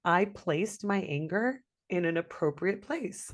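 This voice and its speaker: With a lowish voice and measured pace, a young woman on a podcast she co-hosts recounts a story in relaxed conversation, lively and cursing freely while voicing what others said.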